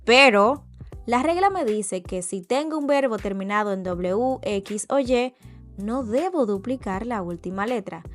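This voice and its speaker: Slow, patient woman teaching a lesson. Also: a little high, lively intonation. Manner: spells out letters and patterns, repeats words for practice. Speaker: English teacher. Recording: faint background music.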